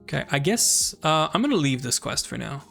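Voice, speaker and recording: A man with a Canadian accent, chatting casually while playing a game on stream and thinking out loud. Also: fairly high pitch, big pitch swings, a little fast, creaky, soft background music. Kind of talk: casual gaming commentary.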